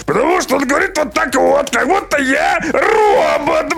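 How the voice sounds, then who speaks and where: A man putting on a shouted, mocking metallic robot voice for a cyborg character during a podcast chat. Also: very high-pitched, big pitch swings, moderate pace, gravelly, voice pushed up, exaggerated voice. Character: male cyborg speaking in a cheap metallic robot voice.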